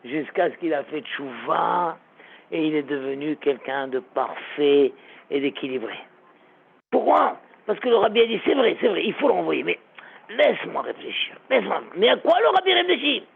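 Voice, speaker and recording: A man's voice: a little high, very animated, normal speed, vocal fry, slightly rough. A man, a rabbi, teaching a lesson through a dramatic story, repeating words for effect, heard over a tinny phone-like recording.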